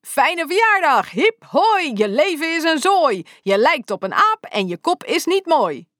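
A woman reading aloud, putting on a rowdy male friend who bursts in loudly singing a mocking birthday song. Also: big pitch swings, unhurried, dry recording, clean studio sound, full character voice. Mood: rowdy teasing. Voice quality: loud, high, sung.

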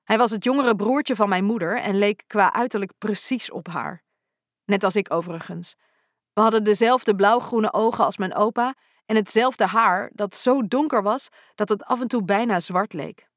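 A woman's voice: mid-range voice, normal speed, no room sound. Woman reading a story, dry close sound. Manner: expressive, lively in dialogue. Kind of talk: first-person story reading.

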